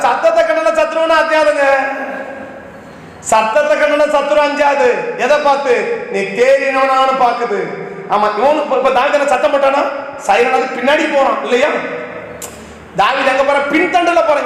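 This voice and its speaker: High-voiced preacher man in echoey hall. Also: fairly bright tone, slight background noise. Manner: rapid-fire rhetorical questions to the congregation. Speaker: pastor. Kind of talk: sermon.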